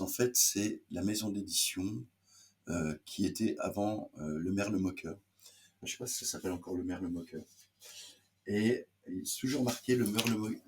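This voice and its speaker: A low-voiced man reads old prose aloud in a steady tone, then drifts into halting asides full of fillers and restarts. He sounds like a host chatting about books from home. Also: a little hiss or hum. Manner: hesitant, many fillers and restarts between readings. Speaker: literary show host reading excerpts. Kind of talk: reading aloud and casual commentary.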